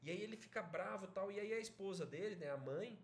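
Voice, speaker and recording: Brazilian man teaching an online writing class, high animated voice, chatty explanations, echoey room with faint noise. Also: fast talker. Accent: Brazilian Portuguese. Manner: explanatory, chatty, checks in with students.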